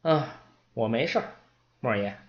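A man voicing a calm, scornful female orc envoy in a low, curt voice. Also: moderate pace, muffled recording, close to an everyday voice. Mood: smug.

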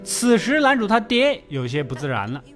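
A very animated man with a high voice recaps a film at a moderate pace, his voice-over set against loud film music. He keeps it chatty and story-like, dropping in playful remarks aimed at the listener.

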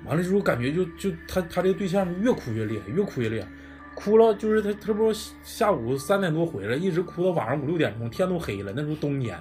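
A man's voice: a little high, big pitch swings, fast talker, a little mellow, faint music behind. A man with a Northeastern Chinese accent telling a true ghost story in casual podcast chat, blunt and swearing freely.

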